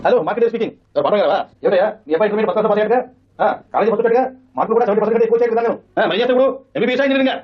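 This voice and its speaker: A man performing a comic sketch, talking rapidly and answering his own questions. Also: high voice, lo-fi sound. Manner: rapid, talks over others.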